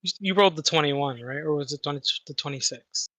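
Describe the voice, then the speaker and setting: A man's voice: on the high side, fast talker, sharp tone, no echo. A man running a tabletop game as game master, narrating scenes in an improvised way.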